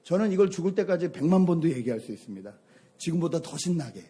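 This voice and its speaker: A middle-aged man, a pastor, preaching a sermon and telling a lively personal story. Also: on the high side, fast, slightly rough. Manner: storytelling, animated anecdotes.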